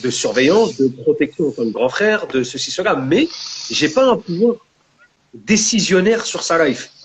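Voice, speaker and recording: Poor audio with a little hiss or hum carries a very animated male voice on the high side, at normal speed. A young Frenchman of Maghrebi family, he is a guest and book author whose French Maghrebi urban accent goes with casual talk in a discussion that mixes slang and Arabic religious expressions.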